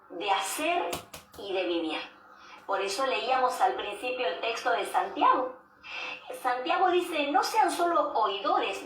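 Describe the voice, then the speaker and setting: A woman giving a devotional sermon as a preacher, measured and repeating key phrases for emphasis. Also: sits high, fairly bright tone. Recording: roomy echo, distant mic, faint background noise.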